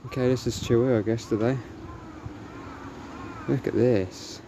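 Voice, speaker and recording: Filming a vlog on an open hillside temple ground, a young man with an English accent chats in a relaxed, reflective, rambling manner at a measured pace and with fairly even intonation. The audio, captured by a camera held at arm's length or propped close by, is muffled and carries ambient outdoor noise.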